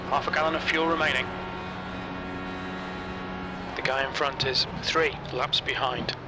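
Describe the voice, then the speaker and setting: A man's voice: medium pitch, fairly even intonation, unhurried, noisy background. A man as race engineer giving terse pit radio calls in clipped, matter-of-fact callouts. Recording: loud race car engine behind.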